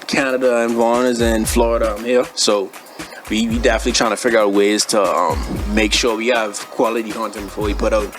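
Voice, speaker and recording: Speaking briskly with fairly even intonation, this low-leaning male voice belongs to a young man with a Bahamian accent. A former athlete and brand owner, he's a relaxed, slangy studio interview guest who keeps saying "bro" and "you know what I mean," with background music audible.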